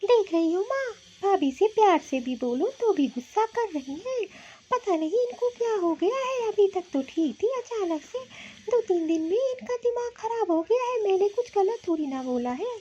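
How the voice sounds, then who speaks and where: A woman's voice: very high-pitched, expressive, moderate pace, few pauses, warm tone, dull audio. A woman voicing a chatty, demanding young sister-in-law in a cartoon, with a whiny, pleading way of talking. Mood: complaining. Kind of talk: cartoon voice acting.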